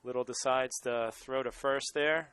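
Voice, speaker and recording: A man does live baseball play-by-play with a Boston accent. His voice sits at a middle pitch and is recorded dry. He calls the game and chats casually in between. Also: fairly even intonation, measured pace, a bit bright, clean tone, dry recording. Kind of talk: live sports commentary with casual banter.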